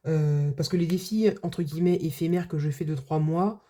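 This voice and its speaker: A woman's voice: low voice, moderate pace, warm tone. A woman budget vlogger chatting casually to her viewers, full of filler words and restarts. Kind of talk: casual vlog chat.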